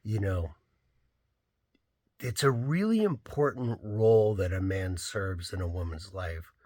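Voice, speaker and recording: Husky-voiced man telling a story. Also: low-pitched, expressive, unhurried, darkish tone, no echo, studio quality. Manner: rambling, fills with "like" and "you know". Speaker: rideshare driver. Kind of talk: casual storytelling vlog.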